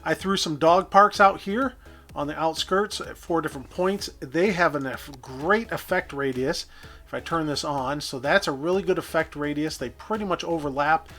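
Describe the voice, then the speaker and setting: Man, slightly higher voice, casual let's-play commentary, thinks out loud, light music under it. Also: normal speed. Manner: chatty, thinking aloud with self-corrections. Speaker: gameplay commentator.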